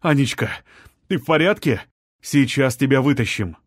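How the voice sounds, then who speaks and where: A man's voice: medium pitch, lively intonation, normal speed, slightly rough, no echo, clean studio sound. A man voicing a desperate young husband who begs a stranger for help, his voice strained and rising. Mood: anxious.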